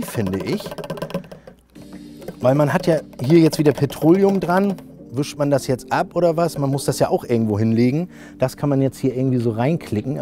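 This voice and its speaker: With a fairly high, mellow voice, this middle-aged northern German camping video host jokes around informally while testing a product hands-on and thinking aloud. The setting is a camping awning, both outside and inside the tent.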